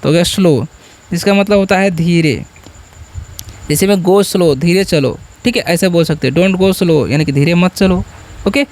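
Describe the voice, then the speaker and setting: Guy with a high voice teaching english spelling, keeps asking "kya padhenge" and answering himself. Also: moderate pace, a little mellow. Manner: asks questions and answers them himself; spells words letter by letter. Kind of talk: beginner English lesson in Hindi.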